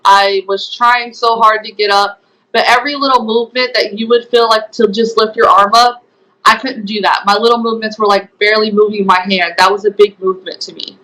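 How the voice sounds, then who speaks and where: A woman's voice: mid-range voice, fairly even intonation, a little fast, bright, forceful tone, poor audio. A young woman giving a personal testimony as an interview guest, retelling events earnestly with many fillers. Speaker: guest, former program resident.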